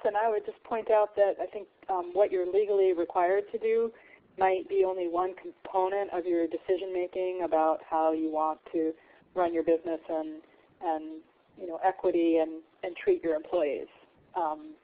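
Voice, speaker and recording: A woman's voice: on the low side, lively intonation, normal speed, vocal fry. A woman moderating a webinar, relaying audience questions and adding her own thoughtful comments. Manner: thoughtful, conversational, with fillers. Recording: tinny phone-like line.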